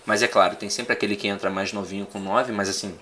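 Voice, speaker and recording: A man who teaches for exam prep, chatting in a relaxed conversation and telling animated stories. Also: lowish voice, fast, a little hiss or hum. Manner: animated storyteller, acts out quoted students. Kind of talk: casual podcast conversation.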